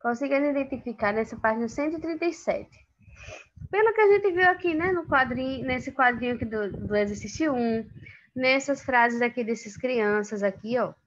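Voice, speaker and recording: A woman's voice: fairly high pitch, lively intonation, normal speed, muffled recording. A woman with a Brazilian Portuguese accent, teaching a Spanish class online in an informal way, with many fillers.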